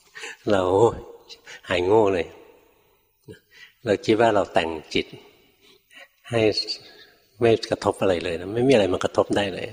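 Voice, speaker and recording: An older man, a Buddhist monk, telling stories in a dharma talk and acting out his teachers' sharp rebukes. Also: lowish voice, unhurried, long pauses. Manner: animated storyteller, acts out his teachers' rebukes, chuckles often. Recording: long hall reverb.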